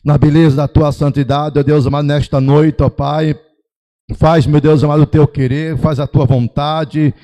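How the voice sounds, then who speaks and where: A man leading a church service in prayer, building from calm greetings to impassioned pleading. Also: a little high, moderate pace. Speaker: church leader opening the service. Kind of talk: fervent congregational prayer. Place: church sanctuary.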